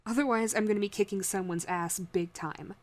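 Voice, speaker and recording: A woman voice actor playing a caring young woman friend who comforts the listener in an audio role-play, speaking in a soothing, protective and gently teasing way. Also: mid-range voice, fairly quick, lightly acted. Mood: consoling.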